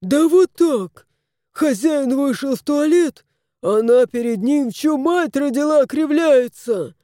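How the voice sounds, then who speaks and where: A woman's voice: high-pitched, lively intonation, slow pace, dark tone, no echo, clean studio sound, voice pushed up. Woman doing a proud, huffy male house cat. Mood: aggrieved. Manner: complaining, theatrical.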